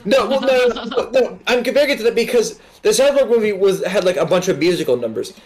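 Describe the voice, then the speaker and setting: Animated young man, excitable chat. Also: high voice, quick pace. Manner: animated and excitable, talks over others. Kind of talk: casual group chat on a stream.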